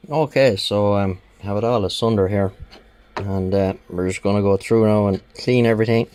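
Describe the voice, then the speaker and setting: Working slowly on a repair, this radio restoration hobbyist chats casually, pausing and muttering to himself as he goes. His lowish voice is darkish, clear and resonant, and his intonation stays fairly even.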